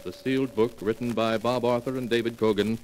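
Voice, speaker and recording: A man announcing a radio show in a formal, measured, dramatic 1940s style. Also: mid-range voice, fairly even intonation, darkish tone, a little hiss or hum, low-quality recording.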